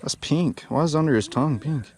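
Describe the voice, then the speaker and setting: A young man vlogging while bank fishing at a pond outdoors, talking in excited slang and bursting into shouts. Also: fairly high pitch, fast. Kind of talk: excited outdoor vlog commentary.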